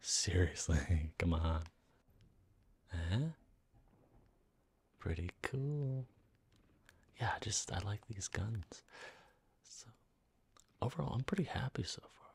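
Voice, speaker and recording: A man with a low voice and a heavily breathy, airy tone gives soft-spoken ASMR commentary over gameplay. He slips between hushed whispers and quiet, low-key talk. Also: animated, slow pace, long pauses. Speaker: ASMR gaming channel host.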